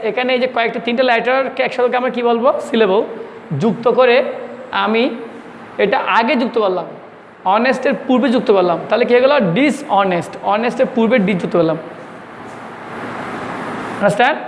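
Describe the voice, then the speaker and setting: High-voiced male teacher in an echoing classroom. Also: slight background noise. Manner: repeats terms slowly, quizzes the class, mixes English in. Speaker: school English teacher. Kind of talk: classroom grammar lesson.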